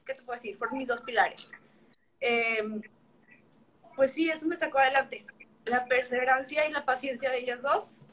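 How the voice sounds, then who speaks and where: Bright, high-voiced Mexican woman. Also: normal speed, pauses often, a little hiss or hum. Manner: animated storytelling, acts out remembered dialogue. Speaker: guest, former figure skater. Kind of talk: casual video chat. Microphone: video call.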